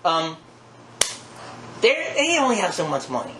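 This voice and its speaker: A man's voice: sits high, wildly swooping pitch, measured pace. A man co-hosting a casual, conversational talk show about wrestling. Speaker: podcast co-host. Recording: echoey room, faint background noise.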